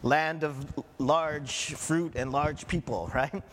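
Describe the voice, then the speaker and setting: A middle-aged American pastor preaches a sermon in a church hall, speaking conversationally and slowly with frequent "right?" asides. His voice is a little high and fairly bright, with slight background noise and a long hall reverb.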